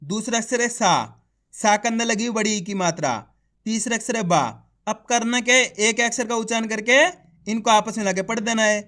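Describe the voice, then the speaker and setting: A man's voice: high-pitched, fairly even intonation, a little fast, bright, forceful tone. A man teaching Hindi reading, sounding out each syllable and then blending it into the whole word, addressing viewers as friends. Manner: addresses viewers as friends, giving simple instructions. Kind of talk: slow syllable-by-syllable reading lesson.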